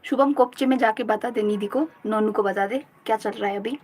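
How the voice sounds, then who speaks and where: A woman's voice: on the high side, a little mellow, breathy edge, low-quality recording. A young Indian woman on a study live stream, who recites her notes over and over and chats with her viewers in between. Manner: repeats notes aloud in slow drills, then chats fast in mixed Hindi and English. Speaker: student livestreamer.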